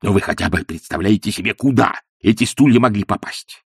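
A man voicing a fussy middle-aged male clerk who bursts into shrill, shouting rage. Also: a little fast, breathy edge, no echo, clean studio sound. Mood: furious shouting.

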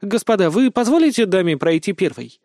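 A man voicing a nimble, sharp-tongued young woman fighter in an audiobook, teasing and brisk. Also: sits high, animated, dry recording, studio quality. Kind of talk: audiobook character voice.

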